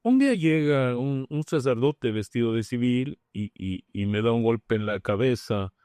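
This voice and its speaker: A middle-aged man with a Mexican accent speaks as a podcast guest, telling his story frankly in casual slang, often restarting his sentences. His voice sits at a medium pitch. The sound is dry and close. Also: lively intonation, normal speed, mellow, clear, resonant tone, no room sound. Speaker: guest, member of Alcoholics Anonymous. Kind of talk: personal recovery testimony in a podcast conversation.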